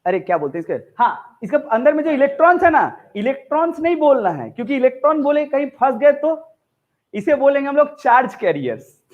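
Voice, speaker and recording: A man's voice: very high voice, sing-song, brisk. A male teacher giving a live physics lecture to a classroom in a chatty, joking way, often quizzing his students. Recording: tinny phone-like sound.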